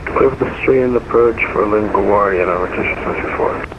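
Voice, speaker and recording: A man with a lowish voice rattles off pilot readbacks very quickly. He comes over a muffled radio with clear noise.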